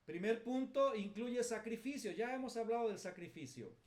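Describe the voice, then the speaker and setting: A man's voice: very high voice, lively intonation, normal speed. A middle-aged Mexican man, a pastor teaching a class, telling self-mocking stories in a colloquial way. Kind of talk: lively teaching with personal anecdotes.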